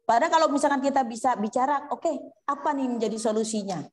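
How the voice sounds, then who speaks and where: A woman with a somewhat high voice leads an Islamic study gathering for mothers. She speaks to them directly and keeps asking questions. She often breaks into pleading prayers. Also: quick pace. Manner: addresses listeners as Bunda, asks questions; acts out heartfelt prayers. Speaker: religious study teacher. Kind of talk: Islamic study circle talk.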